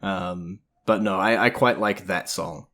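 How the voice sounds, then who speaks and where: A man with a lowish voice talks through an old film in a loose, rambling way. He co-hosts a podcast and reads off details as he finds them. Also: steady tone, unhurried, a bit bright. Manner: rambling, looks things up while talking. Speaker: podcast co-host. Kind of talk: casual film review chat.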